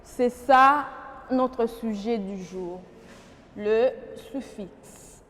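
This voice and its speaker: Congolese french lady teacher, slow and patient, keeps quizzing the class, echoey room. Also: high-pitched. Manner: slow, patient, asks the class questions and repeats words. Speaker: primary school teacher. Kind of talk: classroom grammar lesson.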